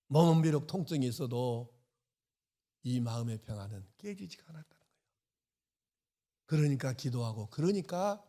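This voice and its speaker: A man pastor preaching a sermon, emphatic and passionate, swinging from loud to hushed. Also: fairly high pitch.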